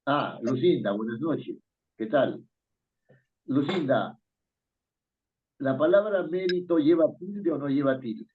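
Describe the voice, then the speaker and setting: A man's voice: medium pitch, slow, pauses often, slight background noise. A man teaching an online spelling class, patient and questioning, chuckling now and then. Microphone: video call. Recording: tinny phone-like call audio.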